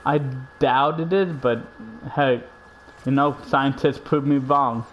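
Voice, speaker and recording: Male co-host, filler-heavy rambler with casual swearing, mid pitch. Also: takes it slowly, a little hiss or hum, poor audio. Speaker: podcast co-host. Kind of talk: casual chat.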